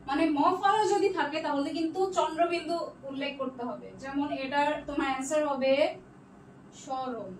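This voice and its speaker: High-voiced young woman tutoring in an echoey room. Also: quick pace, few pauses. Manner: patient, checks answers one by one, mixes in English words. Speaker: online tutor. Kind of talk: live online class reading student comments. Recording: echoey room, distant mic, faint noise.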